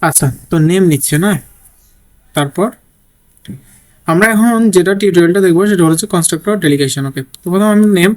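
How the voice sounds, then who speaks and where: Casual man teaching code step by step. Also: high voice. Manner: thinks aloud while typing, frequent "okay?" check-ins. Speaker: programming teacher. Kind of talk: screen-recorded coding tutorial.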